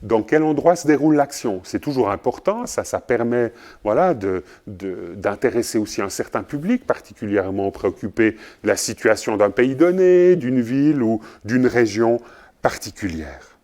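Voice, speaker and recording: A man teaching journalism in a recorded lecture, speaking in a measured way with frequent pauses and fillers. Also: mid-range voice, lively intonation, a little mellow. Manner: measured, often pausing with fillers. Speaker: journalism trainer.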